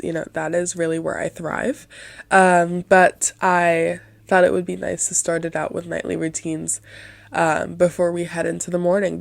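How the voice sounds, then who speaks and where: A young woman with a cold, hosting a solo podcast in a nasal, softened voice, talking in an encouraging, rambling way with many "you know"s. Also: on the low side, creaky, dry recording. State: sick, nasal voice. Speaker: podcast host.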